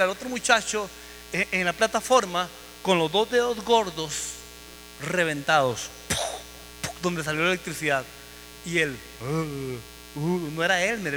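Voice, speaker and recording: A male preacher delivers a vivid, emphatic testimony from the pulpit. His voice sits high and sounds bright and forceful. It carries through the long reverb of a church hall over a faint mains hum. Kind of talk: sermon testimony.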